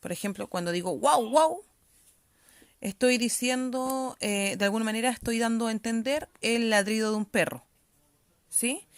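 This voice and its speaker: A woman's voice: on the high side, fairly even intonation, moderate pace, clean tone, dry recording. Patient woman teacher explaining a lesson. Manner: patient, explanatory, frequent check-ins with pupils. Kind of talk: reading-comprehension lesson.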